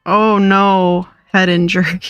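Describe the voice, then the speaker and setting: A woman's voice: on the low side, flat delivery, slow pace, clean tone, no echo, dull audio. A woman streamer chatting casually and playfully to her viewers while playing a game, often laughing. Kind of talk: casual live-stream chat while gaming. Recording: dry close mic with faint music.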